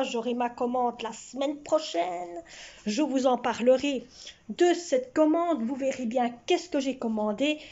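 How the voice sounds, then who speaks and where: A woman in her sixties, talking to her camera at home with a high voice and an unhurried pace. She rambles along, circling back and repeating herself. The sound is a bit muffled, like a home video. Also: a little mellow. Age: 60s. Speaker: vlogger. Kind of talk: casual chat to camera. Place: at home, indoors. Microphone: camera in front of her.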